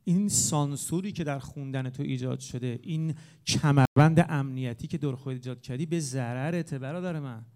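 A man giving an impassioned lecture to an audience, with sharp rises and drops in loudness. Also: mid-range voice, smooth. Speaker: speaker on religious eulogy singing.

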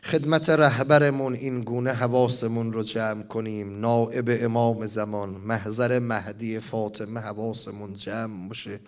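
A man's voice: on the low side, flat delivery, few pauses. A man preaching a mourning sermon, reading an elegy and chanting it, at times rising to impassioned cries.

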